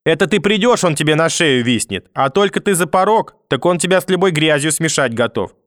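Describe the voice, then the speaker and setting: A man's voice: on the high side, animated, fairly quick, fairly bright tone, no echo, clean studio sound. A man voicing a hysterical, manipulative old grandmother who wails, pleads and curses through a door in an audiobook reading. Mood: moaning cursing. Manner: wailing, pleading then cursing through a door.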